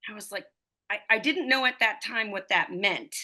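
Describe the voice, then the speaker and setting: This is a conversational podcast interview in which a woman in her fifties from the United States, a running coach and physical therapist, recounts her story in a loose, filler-heavy, rambling manner. She speaks at normal speed in a mid-range voice with a sharp tone.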